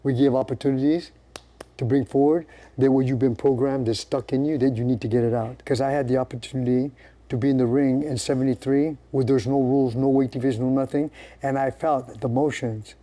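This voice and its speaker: A man's voice: mid-range voice, steady tone, fairly quick, warm tone. An older man, a martial arts instructor, talking casually, showing moves and acting out the people in his stories. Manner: demonstrates moves while talking, acts out quoted people. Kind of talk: casual teaching chat.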